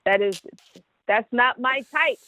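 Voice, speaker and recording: A woman guest in a relaxed interview, talking in a calm, fairly monotone way. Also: a little high, unhurried, heavy background noise. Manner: calm, even, self-described monotone. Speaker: guest, music marketer. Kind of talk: casual interview chat. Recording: tinny phone-like line.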